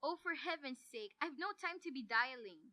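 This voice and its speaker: A woman's voice: high-pitched, animated, normal speed, sharp tone, slight background noise. A woman acting as a nervous, demanding invalid wife in an old-time radio thriller, with an urgent, agitated delivery. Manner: imperious, agitated, breathlessly urgent.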